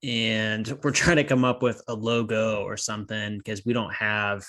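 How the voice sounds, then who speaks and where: A podcast co-host rambles through a casual chat and keeps losing his train of thought. His slightly nasal voice sits on the low side, with a flat delivery, normal speed, and a fairly bright tone.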